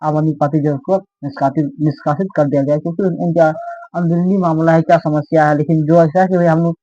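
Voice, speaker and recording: A man's voice: fairly high pitch, steady tone, fast, mellow, dry recording. A man giving casual political commentary, rambling and constantly asking his listeners "right?". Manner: rambling, keeps asking "ठीक है ना?". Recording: dull, lo-fi dry recording.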